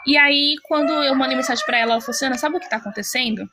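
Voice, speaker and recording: Earnest Brazilian woman, higher voice. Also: very fast, background noise. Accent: Brazilian Portuguese. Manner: earnest, recounts dialogue by quoting others. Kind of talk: personal storytelling.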